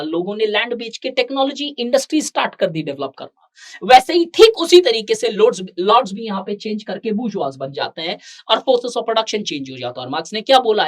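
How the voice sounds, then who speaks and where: A woman teaches an exam-prep class. She explains step by step and keeps turning to the students with questions. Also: a little high. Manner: explains in mixed Hindi and English, with rhetorical questions to students.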